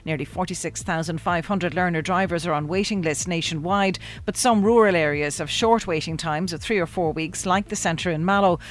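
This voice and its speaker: An Irish woman presenting a local news podcast, reading the bulletin in a steady, clear way. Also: on the low side, fairly quick, few pauses, a little hiss or hum.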